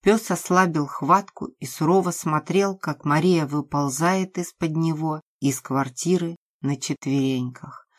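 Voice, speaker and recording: A woman's voice: low-pitched, a little slow, few pauses. A woman reading a novel aloud with dramatic expression, as audiobook narration.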